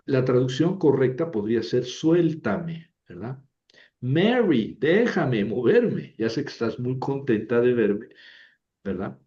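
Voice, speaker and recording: In a dull, lo-fi recording, a man with a mellow, medium-pitched voice gives a language lesson as a lecture. He explains things patiently and keeps checking in with "¿verdad?".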